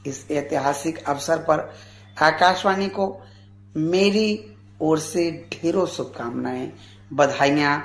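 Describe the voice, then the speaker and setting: Slow, earnest man in his forties. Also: on the high side, echoey room. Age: 40s. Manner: measured, earnest, formal delivery. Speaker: radio guest. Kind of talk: formal tribute speech.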